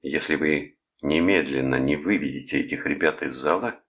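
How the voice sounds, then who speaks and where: A man's voice: extremely low pitch, normal speed, a bit bright. A man voicing a tall young soldier who speaks curtly and sternly. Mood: angry. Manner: stern, curt.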